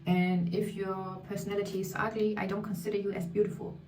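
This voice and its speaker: A thirtysomething beauty vlogger talks a little fast in a mid-range, darkish voice with little pitch movement, chatting openly while doing her makeup. English is not her native language, so words sometimes escape her. Faint music, echo, and a distant mic color the audio.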